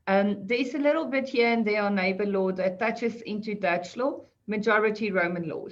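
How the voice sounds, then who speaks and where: A woman's voice: mid-range voice, lo-fi sound. A woman speaking as an attorney panelist in an online discussion over a video call. She is chatty and self-deprecating, explaining points at length.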